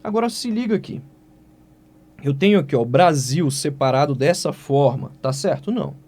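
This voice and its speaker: A man's voice: fairly high pitch, normal speed. A man with a Brazilian Portuguese accent teaching an exam-prep writing lesson, who keeps asking questions aloud and answering them himself. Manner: lively, asks and answers his own questions.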